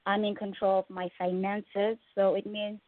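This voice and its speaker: A singer-songwriter from Zimbabwe, a woman, answering interview questions calmly and politely over the phone. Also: medium pitch, moderate pace, no echo. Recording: tinny dry phone line.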